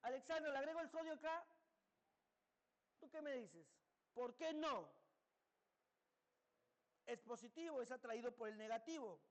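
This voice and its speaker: A man's voice: very high voice, a little slow, pauses often. A male chemistry teacher lecturing a class, asking students questions and answering them himself.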